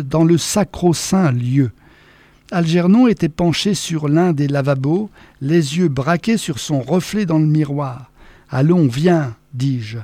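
A man giving a measured, expressive first-person reading of a novel as an audiobook narrator. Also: a little high, no room sound.

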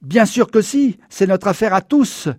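A man voices a sneering mob leader, pitching his voice high, above his natural register, in an animated delivery at a moderate pace. He's loud, sneering and insistent, captured in a dry recording with clean studio sound.

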